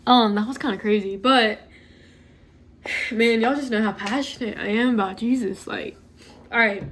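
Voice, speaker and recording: A woman's voice: a little high, normal speed, a bit bright, slight background noise. A young woman talking to camera in a casual, earnest way, chatting directly to her viewers with lots of "like" and "y'all.". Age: young adult. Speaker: vlogger.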